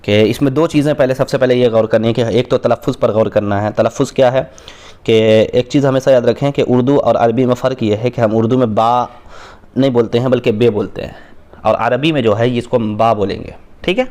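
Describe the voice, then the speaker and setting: A man teaches beginners to read the Quran. His voice sits at a middle pitch, and his manner is patient and steady. He repeats each Arabic letter slowly and draws it out. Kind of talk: Quran reading lesson for beginners.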